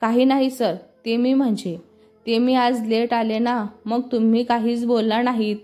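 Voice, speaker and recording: A timid young woman at work, read by a female narrator speaks hesitantly and apologetically in a fairly high voice. Faint music plays beneath. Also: flat delivery, a little slow, warm tone, natural voice.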